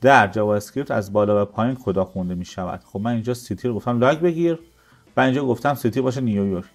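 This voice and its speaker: A man's voice: fairly low pitch, faint music behind. A man teaching programming in a coding tutorial, explaining step by step and answering his own questions. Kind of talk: screen-recorded coding tutorial.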